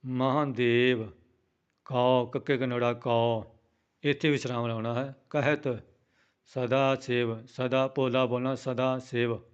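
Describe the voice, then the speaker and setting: A man giving a slow recitation lesson, chanting verses and then spelling out words in a plain teaching voice. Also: medium pitch, level tone, clean tone, highs cut off. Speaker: Gurbani pronunciation teacher.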